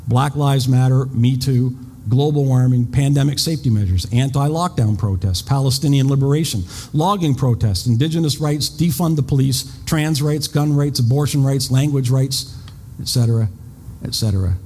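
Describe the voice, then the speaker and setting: A male pastor in his fifties gives a conversational sermon, full of repeated words and jokes at his own expense. He speaks at normal speed in a medium-pitched voice that is dark and husky. The audio has a long reverb tail and faint background noise.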